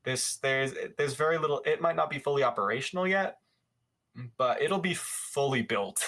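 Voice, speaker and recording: A young man hosting a live show, giving casual commentary over footage, rambling with many fillers and quick self-corrections. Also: medium pitch, fairly bright tone.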